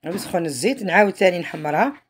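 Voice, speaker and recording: A woman's voice: on the low side, animated, racing, slight background noise. A woman with an Algerian Arabic accent, narrating a home cooking tutorial in a chatty way, often trailing off mid-phrase. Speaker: home cook.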